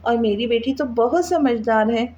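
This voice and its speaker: A woman's voice: on the high side, normal speed, lo-fi sound, slight background noise, natural voice. Woman reading a soothing, tender father. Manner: gentle, coaxing.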